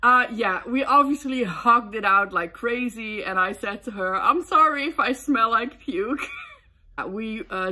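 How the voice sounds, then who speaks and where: A young woman from the Netherlands telling a casual storytime, excitable and giggly with lots of ums. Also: a little high. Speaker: booktube vlogger.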